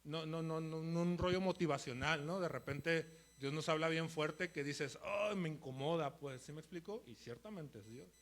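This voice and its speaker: A man preaching a sermon in a church, animated and rambling, with many restarts and quick laughs. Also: on the high side. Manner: laughs between phrases.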